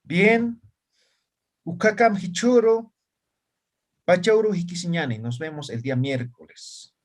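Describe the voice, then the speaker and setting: A man's voice: high-pitched, slow pace. A man teaching an online class in Spanish and Aymara, often checking whether his students follow. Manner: asks frequent check questions.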